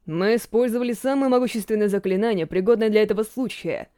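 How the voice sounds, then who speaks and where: A woman's voice: medium pitch, fast, warm tone, no room sound, studio quality, lightly acted. A woman voicing a grave, worried old male priest in an audiobook. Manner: grave, urgent.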